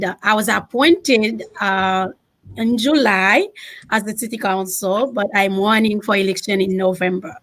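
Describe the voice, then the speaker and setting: A woman from Haiti with a Haitian accent, introducing herself as a candidate in halting speech with many fillers. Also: mid-range voice, a bit bright, dry recording, poor audio. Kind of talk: self-introduction.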